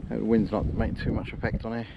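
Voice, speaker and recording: A middle-aged man vlogs about metal detecting out in an open field, chatting in an informal, colloquial, matey way. His voice is lowish, creaky and monotone, and he talks rapid-fire. The action camera audio sounds dull and picks up windy outdoor noise.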